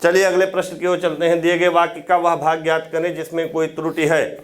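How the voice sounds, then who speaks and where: A man teaching Hindi grammar for exam prep, explaining step by step, repeating key words for students to note and checking in with quick questions. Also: a little high, little pitch movement.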